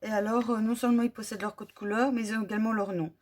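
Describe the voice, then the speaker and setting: Breathy French woman reviewing craft supplies. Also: on the high side, steady tone. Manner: slow, careful listing of colour numbers with many fillers. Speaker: vlogger. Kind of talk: casual product review.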